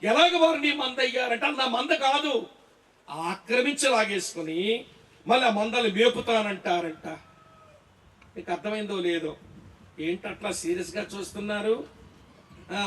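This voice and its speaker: A man's voice: high voice, normal speed, pauses often, a bit bright. A man preaching a sermon to a pastors' conference, firing rhetorical questions at the crowd and checking they follow. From Andhra Pradesh, India. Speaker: Bible teacher preaching. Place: large echoey hall. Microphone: distant from the mic. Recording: echoey hall, voice from far off.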